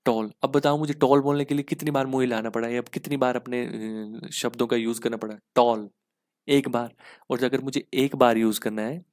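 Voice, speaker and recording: A man's voice: mid-range voice, steady tone, a little fast, a little mellow, no echo, studio quality. A man teaching an exam-prep English grammar lesson, explaining step by step and asking "ठीक है?" again and again.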